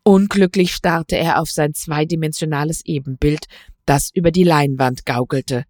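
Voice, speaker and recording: A woman reading a literary story aloud in a measured, even storytelling way. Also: deep voice, dry recording, clean studio sound. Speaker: reader. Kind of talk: scripted narration of a literary story.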